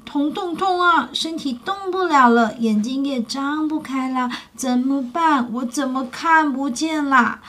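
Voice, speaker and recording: A woman doing a hurt, gruff tyrannosaurus. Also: on the high side, fairly even intonation, a little slow, natural voice. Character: big injured male tyrannosaurus, fierce but hurt.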